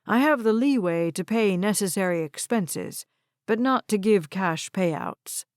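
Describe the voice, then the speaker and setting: A woman voicing a shrewd, composed male lawyer who speaks in a measured, cool way. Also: medium pitch, lively intonation, no room sound, studio quality, lightly acted.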